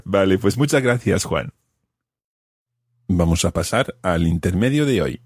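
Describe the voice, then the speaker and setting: A man's voice: sits low, animated, measured pace. A man co-hosting a casual lesson chat, curious and asking follow-up questions as he learns. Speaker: podcast co-host and Spanish learner.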